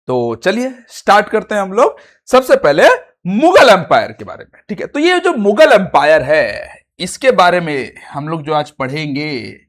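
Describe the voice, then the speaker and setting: Lively high-pitched male teacher. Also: normal speed. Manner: chatty, repeats "ठीक है" often, asks and answers own questions. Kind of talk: exam-prep history lesson.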